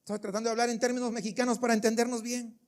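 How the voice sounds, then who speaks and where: A man's voice: very high-pitched, little pitch movement, racing, a little mellow. A man preaching a sermon as pastor of a church service, emphatic and full of rhetorical questions aimed at the congregation.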